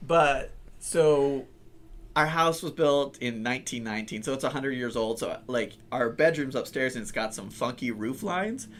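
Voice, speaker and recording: Guy in his 30s, bright forceful voice, rambly self-deprecating podcast chat, bit of hiss. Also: mid-range voice, animated, moderate pace. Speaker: podcast co-host. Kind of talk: casual chat.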